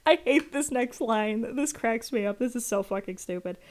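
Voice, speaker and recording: A woman's voice: fairly high pitch, lively intonation, normal speed. A woman hosting a livestream, reading a letter aloud and picking it apart in an exasperated, sarcastic rant with swearing. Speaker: livestream host.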